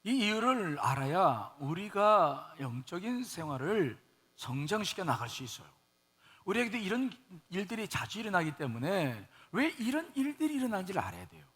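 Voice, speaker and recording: Lively, bright-voiced male pastor preaching. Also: sits high, moderate pace. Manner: animated, questioning the congregation, mixing soft asides with raised exclamations. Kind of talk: sermon.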